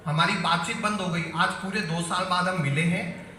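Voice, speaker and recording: Bright, bantering male stage poet. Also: sits high, steady tone, moderate pace, slight background noise. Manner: chatty, bantering with audience. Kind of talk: live comic poetry recital. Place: large hall on stage. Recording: echoey hall, faint crowd.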